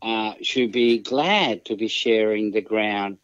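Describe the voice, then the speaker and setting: A muffled, dry phone recording of an Australian man with a lowish voice. He speaks very slowly, in a formal and measured discussion style, choosing his words haltingly. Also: fairly bright tone, no room sound. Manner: formal, deliberate, halting phrasing. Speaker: phone-in guest on a football show.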